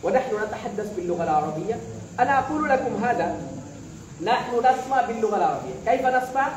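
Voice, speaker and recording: High-voiced man exhorting a class. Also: expressive, fast talker. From Bangladesh. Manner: exhorting, call-and-response questioning of the audience. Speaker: student speaker addressing classmates. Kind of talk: motivational speech to a class. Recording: echoey room, voice far from the mic, background noise.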